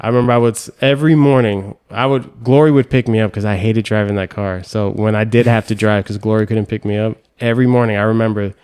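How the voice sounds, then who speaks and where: A young man from Hawaii hosting a podcast, telling animated stories and acting out voices and sounds. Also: fairly low pitch, quick pace, hardly any pauses, clear, resonant tone. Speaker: podcast host. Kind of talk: casual storytelling chat.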